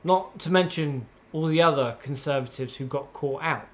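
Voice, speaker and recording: A political commentator with a slightly high voice rants opinionatedly, blunt, sweary, and exasperated. He leans on emphatic pauses and repetition, and the audio is a bit muffled.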